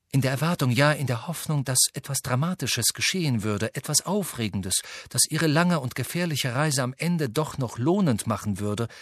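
Male audiobook narrator, husky voice, measured storytelling, dry close recording. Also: medium pitch, a bit bright, no room sound. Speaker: audiobook reader. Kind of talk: scripted narration.

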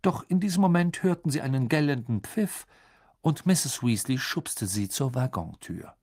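Expressive male audiobook reader. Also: medium pitch, moderate pace. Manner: expressive, voices many characters. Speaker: audiobook narrator. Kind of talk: storybook reading.

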